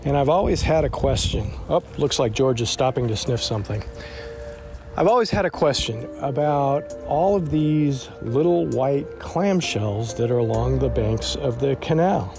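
A chatty, easygoing man reports on location while out on a walk along a canal. He talks casually, even turning aside to his dog now and then. A music bed plays clearly beneath his voice. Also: mid-range voice. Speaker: newspaper reporter. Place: outdoors walking along a canal.

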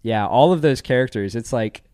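A man's voice: mid-range voice, moderate pace, mellow, smooth, no room sound. Casual male podcaster, slightly stuffy nose, dry sound. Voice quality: slightly congested, stuffy from allergies. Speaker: podcast co-host. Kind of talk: casual podcast chat, reading out a listener email.

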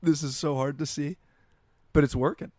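A man's voice: a little high, steady tone, moderate pace, darkish tone, no room sound, studio quality. A man co-hosting a podcast, chatting casually. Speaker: podcast co-host. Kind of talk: casual chat.

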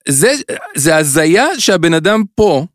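A man with an Israeli accent in casual podcast chat, speaking a bit haltingly and repeating his phrases. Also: fairly high pitch, animated, no echo, clean studio sound. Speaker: podcast co-host.

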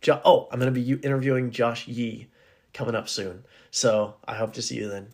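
A man speaks in a raspy voice that sounds hoarse, at a medium pitch. He is hosting a solo podcast in a casual, unscripted way. His delivery is earnest and addressed directly to the listener. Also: level tone, brisk, darkish tone. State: hoarse, needing to clear his throat. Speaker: podcast host.

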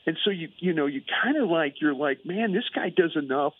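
A man's voice: a little high, lively intonation, a little fast, no echo. A man calling in as a guest analyst, rambling in casual chat with lots of fillers. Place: calling in remotely. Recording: tinny phone line.

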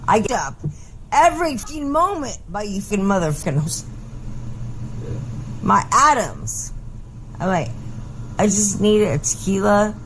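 A woman's voice: mid-range voice, big pitch swings, a little slow, long pauses, a little hiss or hum, poor audio. Woman in a profane, berating rant. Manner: profane, berating, shouting bursts. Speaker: group leader in archive clip. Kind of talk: angry livestream rant.

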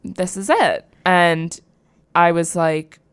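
Low, smooth-voiced young woman telling a story. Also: takes it slowly, dry recording, studio quality. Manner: candid, rambling storytelling with many likes. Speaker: podcast co-host. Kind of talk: casual chat.

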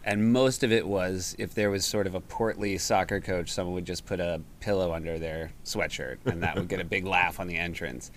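A man's voice: sits low, fairly even intonation, brisk, hardly any pauses, a little hiss or hum. A man on a podcast, telling a school story in a wry, self-deprecating way. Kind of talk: casual chat.

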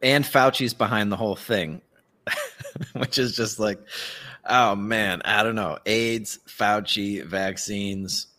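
This podcast co-host has a voice on the low side, pushed and bright, and he takes his time speaking on a casual live show. He mocks and uses sarcasm, chuckling often and swearing casually.

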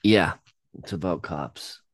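A young man co-hosting a casual song-reaction chat, talking in a halting way with many ums and restarts. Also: low-pitched, dry recording. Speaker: podcast co-host.

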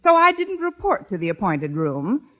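An actress playing a wry, quick-witted schoolteacher who narrates and trades dry wisecracks in a 1950s radio comedy. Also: female voice, medium pitch, huge pitch swings. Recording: dull old radio recording.

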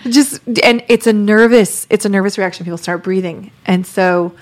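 A woman hosting a chatty podcast about coaching. She talks casually with her co-hosts, agreeing often and explaining ideas with examples. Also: medium pitch. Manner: quick, affirming, lots of "yeah". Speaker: leadership coach, podcast host.

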